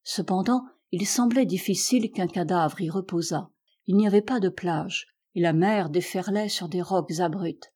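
A woman reads a literary audiobook in a measured, steady manner. Her voice is mellow and dark-toned, with a soft husky edge. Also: lowish voice. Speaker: audiobook reader.

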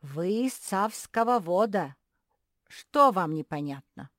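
A woman voicing an absent-minded old male bulldog professor who swaps r and l for v, speaking slowly and loudly. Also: lowish voice, lively intonation, no room sound, clean studio sound, voice pushed up. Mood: lecturing. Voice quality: says "v" for r and l. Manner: slow, drawn-out, lecturing.

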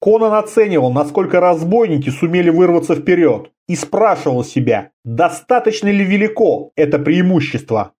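A man narrating an audiobook in a lively storytelling manner. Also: sits high, normal speed, hardly any pauses. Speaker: audiobook reader. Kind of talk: scripted narration.

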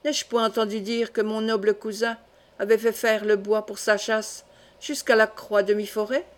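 A woman reading the part of a scheming male steward in a smooth, sly tone. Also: medium pitch, little pitch movement, normal speed, close to an everyday voice.

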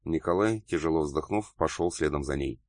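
Deep-voiced male audiobook narrator. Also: normal speed, a little mellow, no echo, studio quality. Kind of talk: scripted narration.

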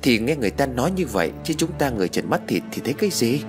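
A man's voice: mid-range voice, big pitch swings, very fast, soft background music, pitched above the performer's own voice, natural voice. A man doing a gossipy, superstitious neighbor wife. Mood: ominous gossip. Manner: warning, gossiping.

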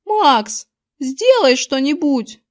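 A woman's voice: high-pitched, big pitch swings, very slow, voice pushed up, heavily acted. A woman reading aloud, voicing a brash, boastful young boy who brags and whines, in a slightly raised voice. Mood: whining. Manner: whiny, then swaggering and bragging. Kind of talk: audiobook character reading.

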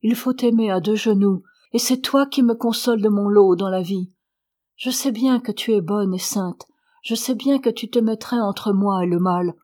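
A woman's voice: medium pitch, moderate pace, a little mellow, lightly acted. Woman doing a young noble girl, fervent and pleading, storybook reading. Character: earnest young noblewoman, passionate daughter.

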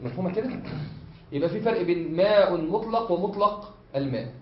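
Egyptian male sheikh, high voice, patient classroom explainer with drawn-out fillers, echoey lo-fi room recording. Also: animated. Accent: Egyptian Arabic. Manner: explains step by step and keeps checking students follow; frequent drawn-out hesitation fillers. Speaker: sheikh teaching a study circle. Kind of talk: classroom lesson. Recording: echoey room, dull lo-fi sound.

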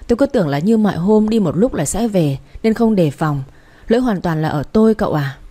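A woman narrating a story voices an older male butler who speaks slowly and humbly, blaming himself. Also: sits high, animated, dark tone. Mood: apologetic.

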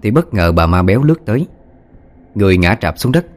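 A man narrating a ghost story as an audiobook, telling it calmly and voicing every character himself. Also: fairly low pitch, a little fast. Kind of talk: storytelling narration doing all voices.

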